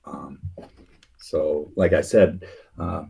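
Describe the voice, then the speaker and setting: Husky, deep-voiced man rambling casually. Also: steady tone, very slow, warm tone. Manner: rambling, hesitant, many fillers and restarts. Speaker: podcast host. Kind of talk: casual conspiracy talk.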